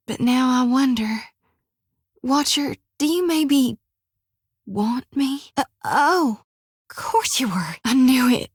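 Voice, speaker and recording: A game companion character, a shy, lovestruck young priestess, is voiced by a woman with a fairly high pitch in earnest, bashful, self-deprecating video game voice acting. The mood is wistful, recorded with studio quality on a dry, close studio mic with no room sound.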